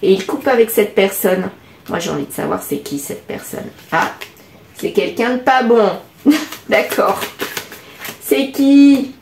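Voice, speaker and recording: A woman with a French accent doing a casual oracle card reading, musing aloud and pausing often with fillers. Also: medium pitch, vocal fry, a little mellow, roomy sound, a little hiss or hum. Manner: musing, hesitant, many fillers. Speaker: card reader.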